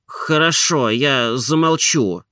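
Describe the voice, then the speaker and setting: Man voicing a timid, lovesick gentleman in an audiobook; slow, gentle, pleading, bright tone. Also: mid-range voice, no room sound, studio quality. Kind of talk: audiobook character reading.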